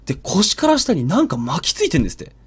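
Husky guy telling ghost stories live, drops low then swells, voice goes up and down a lot. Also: huge pitch swings, quick pace. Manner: hushed, dramatic storytelling with sudden swells. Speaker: ghost story narrator.

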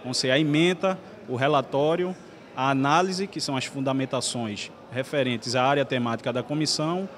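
A young man with a Brazilian Portuguese accent, a legal adviser answering in a TV interview. He speaks formally with filler pauses, into a handheld mic in an indoor hallway. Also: mid-range voice. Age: young adult. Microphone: handheld TV mic held close.

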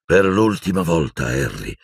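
A man voicing an old male wizard headmaster in an audiobook, speaking slowly and solemnly, wailing and pleading when afraid. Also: low-pitched, very animated, creaky, slightly rough, no room sound, studio quality, exaggerated voice. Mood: grave, commanding. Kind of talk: audiobook character voice.

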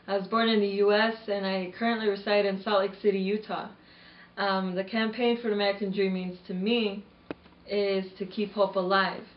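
Flat-voiced young woman, distant and echoey. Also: mid-range voice, normal speed, dull audio, slight background noise. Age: 20s. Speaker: activist giving a statement. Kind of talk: scripted statement to camera. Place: indoors before a curtain.

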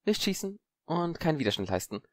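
A man's voice: on the high side, big pitch swings, fairly quick, darkish tone, dry recording, studio quality, pitched above the performer's own voice. A man doing a smug scheming schoolboy. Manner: smug, superior. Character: smug, scheming young boy wizard. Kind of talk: audiobook character voice.

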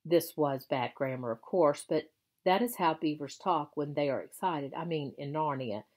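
A woman teacher reading a children's novel aloud to her class in a measured, expressive storytelling voice. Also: low voice.

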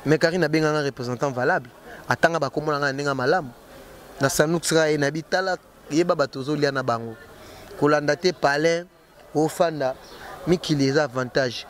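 A man with a notably high speaking voice answers interview questions. He talks emphatically, circles back on his own words, and keeps pressing his point in an easy, conversational flow. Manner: emphatic, repeats words and restarts while arguing. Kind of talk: casual street interview.

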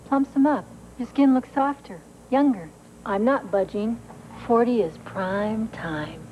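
An actress as a determined woman near forty in a TV beauty commercial. Her voice is a little high and assured, over faint noise. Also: a little mellow, close to an everyday voice, low-quality recording. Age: 40s. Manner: assured, declarative. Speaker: commercial actor. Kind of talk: scripted beauty advertisement monologue.

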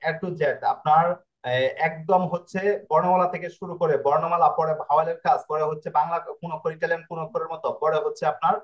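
A man's voice: on the high side, flat delivery, quick pace, lo-fi sound. A man teaching Italian pronunciation in an online class. He explains in a repetitive way and keeps checking with his students.

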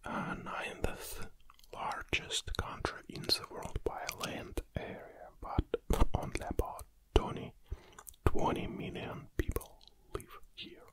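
A forties-aged man from Kazakhstan runs an ASMR video, his Russian-accented whisper slow, soft, close and slightly hesitant. Although he uses a studio condenser mic on a stand in his small home studio while wearing headphones, the recording quality is low.

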